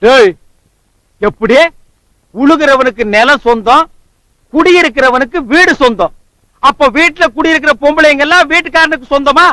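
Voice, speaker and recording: A broke, boastful drunkard of a husband, all sarcasm and loud mockery in a film comedy. His voice sits very high and sounds intensely bright and sharp, with a dry, close sound. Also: moderate pace, long pauses, no echo, rough recording. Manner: sarcastic, mocking, loud insults. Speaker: comic actor.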